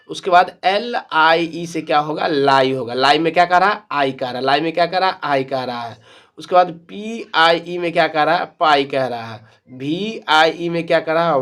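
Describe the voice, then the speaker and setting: A man teaching English spelling rules in an online lesson, who spells letters out slowly and keeps asking questions before he answers them himself. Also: fairly high pitch, fairly bright tone. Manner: calls viewers "my dear friends".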